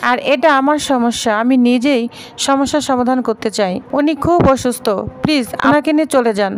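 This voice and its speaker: A determined young heroine speaking up for her own honor, as a woman narrator reads her lines. Her lines come earnest and firm, in a high voice, like a soap-opera recap told aloud. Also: fairly quick, slight background noise, close to an everyday voice. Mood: firm, pleading.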